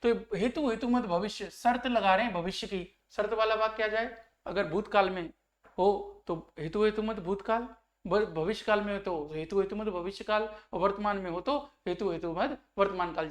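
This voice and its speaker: A man's voice: high-pitched, normal speed. A man teaching a grammar lesson, who keeps asking his students questions to check they follow and acts out the example sentences. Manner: explains by acting out example sentences. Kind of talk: online exam-prep lesson.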